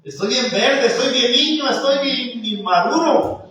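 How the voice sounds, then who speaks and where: A man's voice: very high voice, expressive, a little slow, sharp tone. A man preaching a sermon in a conversational way, often calling his congregation brothers. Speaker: pastor. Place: church hall. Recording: echoey church hall, from far off.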